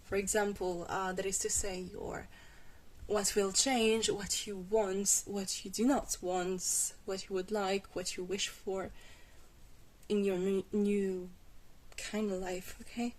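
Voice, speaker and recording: This ASMR roleplay features a woman as a glamorous vampire mentor: patient, gently wry, soft and hesitant, with a gentle, reassuring mood. She speaks slowly at a medium pitch with little pitch movement, and the audio is poor.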